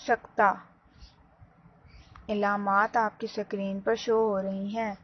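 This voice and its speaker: A woman's voice: medium pitch, level tone. Woman teaching a lesson, lo-fi. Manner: slow, explanatory, addresses students directly. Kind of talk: classroom lesson. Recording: dull lo-fi sound, faint background noise.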